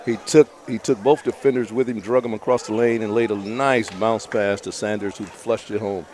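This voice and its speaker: A man giving relaxed, conversational color commentary on a college basketball game, with admiring remarks about the plays. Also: on the low side, normal speed. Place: college gym. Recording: crowd noise in a gym.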